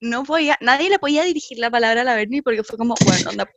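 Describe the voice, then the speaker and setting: Animated young Chilean woman telling stories. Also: on the high side, rapid-fire, no room sound. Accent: Chilean Spanish. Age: young adult. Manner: animated storyteller, laughs often, acts out quotes. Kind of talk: casual chat among friends.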